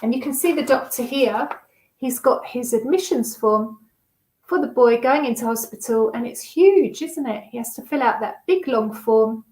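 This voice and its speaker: A woman's voice: fairly high pitch, normal speed, darkish tone. A woman reading a children's novel aloud expressively and chatting with young listeners. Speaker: storyteller. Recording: roomy echo.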